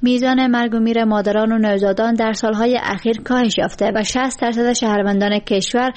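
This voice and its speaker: Afghan-accented woman reading news, flat delivery. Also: a little high. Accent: Afghan Dari. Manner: even, formal read. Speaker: news reporter. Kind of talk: scripted news narration.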